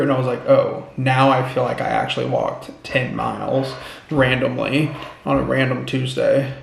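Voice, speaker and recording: A man with a gravelly, creaky edge chats casually and rambles about his day. His voice rings around a sparsely furnished room, so every phrase carries a hollow echo. The camera sits propped on a window ledge a little way off. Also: medium pitch. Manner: rambling, chatty, relaxed. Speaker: vlogger. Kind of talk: casual day-in-the-life chat. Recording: echoey sound of a nearly empty room.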